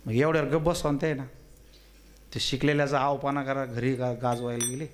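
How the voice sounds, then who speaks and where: A man preaching a kirtan sermon, telling humorous stories and questioning the crowd, swinging between loud exclamations and quiet asides. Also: medium pitch, flat delivery, fairly quick. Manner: teasing, asks the audience questions.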